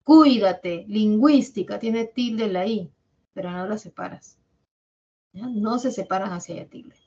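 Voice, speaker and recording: A woman's voice: medium pitch, a little slow, darkish tone, slightly rough, highs cut off. Peruvian woman teaching a grammar lesson. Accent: Peruvian Spanish. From Peru. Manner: explains patiently, drawing out example words syllable by syllable. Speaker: language teacher. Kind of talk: classroom lecture on syllable division.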